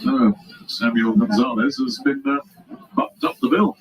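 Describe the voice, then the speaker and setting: A man's voice: medium pitch, lively intonation, a little slow, over music, rough recording. A man with a Birmingham English accent giving chatty, storytelling live boxing commentary.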